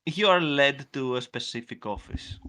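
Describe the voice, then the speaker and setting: A man narrating a tabletop game as game master, improvising in a halting, hesitant way. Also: medium pitch, crowd noise.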